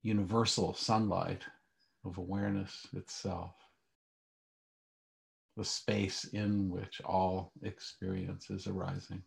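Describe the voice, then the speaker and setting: A meditation teacher, a man with a very low voice, guides a calm grounding exercise. He speaks very slowly in short, hushed phrases, with a gravelly fry and long pauses between them.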